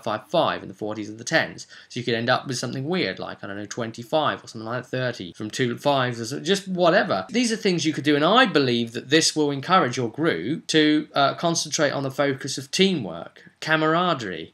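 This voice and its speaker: Speaking at a medium pitch with a fairly bright tone, a game master and host delivers casual advice in a monologue. His style is emphatic and conversational, and he frequently puts rhetorical questions to whoever's listening.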